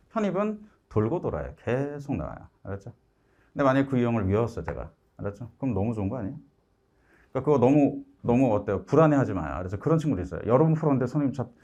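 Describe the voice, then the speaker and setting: Lively male math lecturer. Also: mid-range voice, muffled recording. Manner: lively, keeps asking "알았죠?" to check understanding; acts out students' complaints in a raised voice. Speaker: math instructor. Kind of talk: lecture to students.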